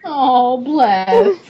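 A young woman with a Southern accent, chatting and giggling in a rambling, excitable way while live-streaming a game. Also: high voice, extremely slow. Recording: slightly dull, faint noise.

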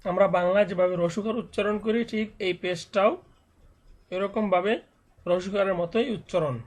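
A man teaching Quran reading in a step-by-step tutorial, patiently explaining and slowly reciting each letter sound. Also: high-pitched, fairly even intonation.

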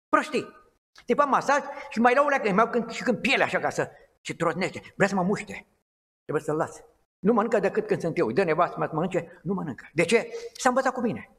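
High-voiced man preaching in a reverberant hall. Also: a bit bright. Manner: conversational and digressive, with halting restarts. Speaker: lay preacher. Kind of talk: informal sermon.

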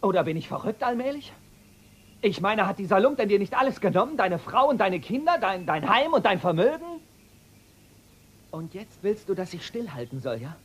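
A man's voice: high voice, sing-song, brisk, few pauses, a little mellow, husky, exaggerated voice. An actor dubbing a young man who is bitter and defiant toward his family in a soap opera. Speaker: grown son. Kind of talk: German-dubbed soap opera acting.

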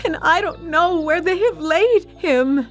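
A woman's voice: lively intonation, a little slow. A woman voicing a tearful young woman crying out. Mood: sobbing. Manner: high, urgent, sobbing cries. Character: grieving young woman, tearful then overjoyed.

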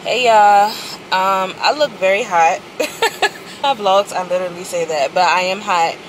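A woman's voice: mid-range voice, unhurried. Chatty woman vlogging, y'all-heavy. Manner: chatty, addresses viewers as y'all. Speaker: lifestyle vlogger. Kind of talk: casual vlog talk to camera. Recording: noisy outdoor camera audio.

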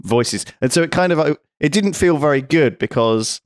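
A man's voice: on the high side, lively intonation, moderate pace, no room sound, studio quality. A man co-hosting a casual podcast who talks through his points and keeps checking in with "right?". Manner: chatty, ends points with "right?". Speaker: podcast co-host.

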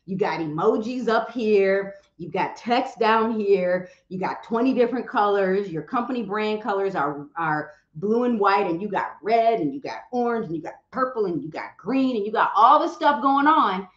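Direct, animated woman speaker in a roomy space. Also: medium pitch, moderate pace, hardly any pauses. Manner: animated, direct, teasing, acts out quoted voices. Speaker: real estate broker giving social media advice. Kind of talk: motivational talk to an audience. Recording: roomy, slightly dull sound.

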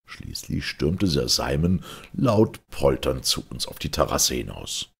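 Man, deep voice, gravelly, audiobook narration, first-person story. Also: very animated, measured pace. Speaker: reader of his own story.

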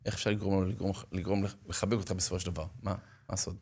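A man interviewing his guest, asking soft-spoken questions. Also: deep voice, little pitch movement, slightly rough.

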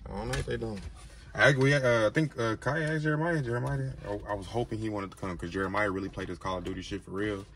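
Man, casual friend chat, gravelly and fast, laid-back slangy delivery, faint noise. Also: lowish voice, fairly even intonation, fairly bright tone.

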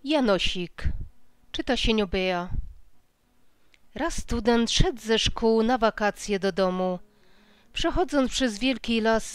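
A woman reading a folk tale as an audiobook in slow, even storytelling. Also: mid-range voice, clean tone, no echo. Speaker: audiobook reader. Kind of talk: scripted storybook narration.

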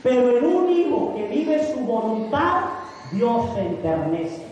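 A man's voice: very high voice, very animated, slow, darkish tone. A middle-aged man, a priest, preaching a sermon. He asks the congregation questions and answers them himself. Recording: echoey hall recorded from far off.

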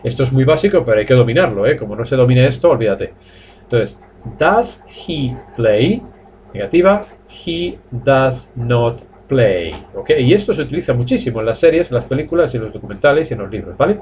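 Lively Spanish teacher drilling English phrases. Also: male voice, medium pitch, slight background noise. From Spain. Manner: explains in Spanish, models English drill sentences slowly, jokes with the chat. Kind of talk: live online English class. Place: language academy classroom.

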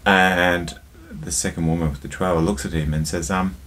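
A man's voice: sits low, steady tone, normal speed, a bit bright, slight background noise. A man hosting a casual drinks review vlog, chatty and jokey, talking straight to his viewers and telling a joke along the way.

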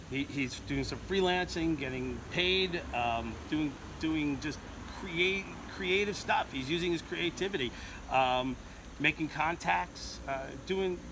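A middle-aged man who works as a school principal chats casually outdoors, his voice sitting fairly high. He talks with frequent ums and restarts as he searches for words. Traffic and outdoor noise come through clearly behind him. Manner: chatty, hesitant fillers, proud. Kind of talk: casual interview chat. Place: outdoor parking lot. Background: traffic and outdoor ambience.

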